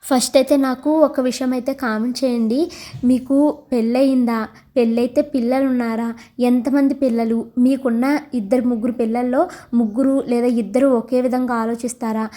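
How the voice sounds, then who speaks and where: Woman, hoarse, vlogging mother, venting, questions to viewers, slightly high voice. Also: steady tone, moderate pace, mellow. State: hoarse from shouting. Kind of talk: casual confessional vlog chat.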